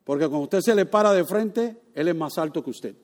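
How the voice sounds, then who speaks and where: A man with a high voice preaches a sermon. He swings from loud emphatic lines down to hushed ones, asks his listeners questions and acts out voices. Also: animated, a little fast. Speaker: pastor.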